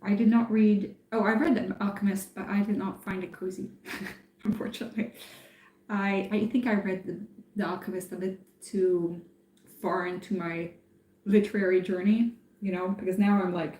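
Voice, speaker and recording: Her voice sits in the mid range, warm in tone but flat in delivery. This woman, who grew up in France, is chatting on a live stream in an echoey room, musing aloud with many pauses and fillers.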